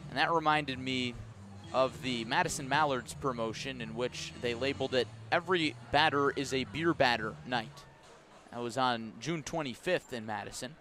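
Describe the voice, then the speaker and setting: Broadcasting from an outdoor ballpark, a man gives live radio play-by-play of a baseball game, alternating clipped calls with chatty asides. His mid-range voice sounds pushed and bright, moving at normal speed.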